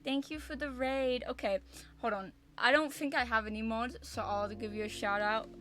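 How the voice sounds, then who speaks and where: A woman livestreamer with a very bright, forward voice that sits fairly high. She chats casually in a cute, bubbly anime-streamer way, quick to apologise, with music clearly playing behind her. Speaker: variety streamer and VTuber.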